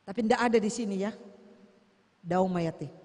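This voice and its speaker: A woman's voice: mid-range voice, normal speed, darkish tone. A woman preacher, exhorting and pleading with her congregation in a sermon. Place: church sanctuary. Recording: long church reverb.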